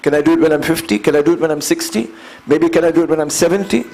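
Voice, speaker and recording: Slightly high-voiced Indian man in his fifties. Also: dark tone, rough recording. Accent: Indian English. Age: 50s. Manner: earnest and measured, building points by repeating phrases. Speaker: guest, endurance athlete. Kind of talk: conversational storytelling interview.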